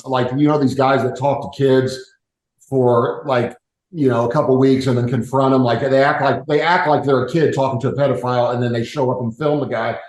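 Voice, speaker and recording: Fast-talking man in a roomy space. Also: medium pitch, a little mellow. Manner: rambling, many fillers and restarts. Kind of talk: casual podcast chat.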